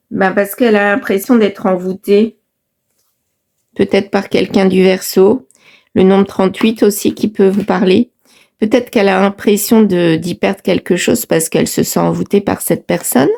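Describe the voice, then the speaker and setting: A woman's voice: mid-range voice, creaky, dark tone. A middle-aged woman doing a casual card reading, chatty and thinking aloud with many fillers. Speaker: tarot card reader.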